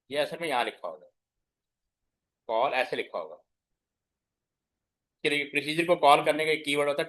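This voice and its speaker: A man's voice: mid-range voice, fairly bright tone. A middle-aged male teacher giving a classroom lecture, explaining step by step, mixing in English terms and checking that his students follow. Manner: mixes English terms into Hindi speech. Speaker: computer science teacher.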